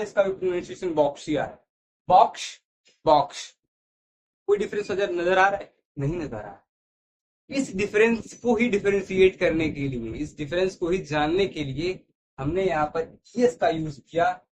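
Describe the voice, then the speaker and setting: A man teaching an English grammar lesson, repeating words and often checking that students follow. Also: high-pitched. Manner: repetitive, checks understanding with "theek hai". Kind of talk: classroom lesson explaining to students.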